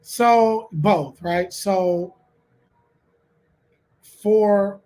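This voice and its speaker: A man co-hosting a casual chat, relaxed and reflective, with many "you know" fillers. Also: high voice, very slow, a little hiss or hum. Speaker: podcast co-host.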